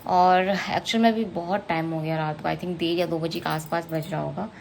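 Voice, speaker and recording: A woman's voice: low-pitched, fairly even intonation, normal speed, gravelly, a little hiss or hum. A woman, a single mother chatting casually in a vlog and venting about critics. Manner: chatty, venting, switches to soft talk with her child.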